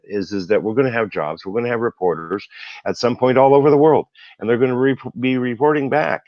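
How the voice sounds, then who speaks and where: A man's voice: mid-range voice, a little fast, no echo. A man hosting a casual interview, upbeat and encouraging, often affirming his guest. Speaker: interview host. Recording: dull, dry lo-fi sound.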